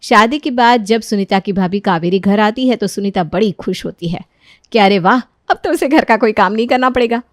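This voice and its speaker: A woman narrating a children's cartoon story in a clear storytelling manner. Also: medium pitch, normal speed, no echo, clean studio sound.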